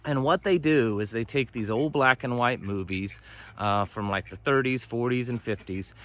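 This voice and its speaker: Outside on a homestead, with ducks close by, the middle-aged American host of a homesteading and prepping vlog chats casually to camera. He has a mid-range, fairly bright voice at normal speed, and his folksy talk rambles and drifts off mid-thought.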